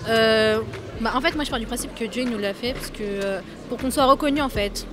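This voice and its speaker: A young woman answers a street interviewer earnestly, pausing to look for her words, outdoors with a handheld mic. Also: a little high, background noise. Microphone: handheld mic held by interviewer.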